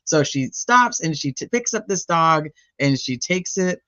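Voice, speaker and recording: A woman's voice: low-pitched, lively intonation, measured pace, fairly bright tone, lo-fi sound. A woman hosting a true crime channel, casually recapping trial testimony in a rambling, chatty way full of fillers.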